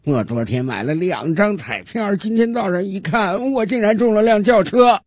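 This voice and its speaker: A man's voice: sits high, expressive, moderate pace, slightly rough, dry recording, studio quality, pitched above the performer's own voice. A man voicing a stingy, self-pitying man whining about his regrets in a comedy sketch. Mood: whiny.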